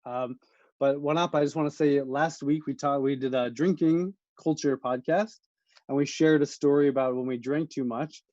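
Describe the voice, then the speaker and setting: A man's voice: medium pitch, fairly even intonation, normal speed, warm tone, no room sound. Chatty American man hosting a podcast. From United States. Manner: chatty, leading the questions. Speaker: podcast co-host. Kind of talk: casual podcast chat. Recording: dull, dry sound.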